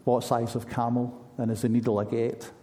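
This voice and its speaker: A man's voice: mid-range voice, flat delivery, normal speed, mellow. A man preaching a sermon in an earnest, conversational way, asking his listeners pointed questions.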